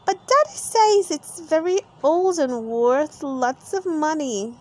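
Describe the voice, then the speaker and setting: Casting: high, slow-spoken cheeky piglet girl for a storybook, helpful and childlike woman performer. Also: animated, darkish tone. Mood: earnest. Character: Peppa, eager cheeky little girl pig. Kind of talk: children's storybook read-aloud.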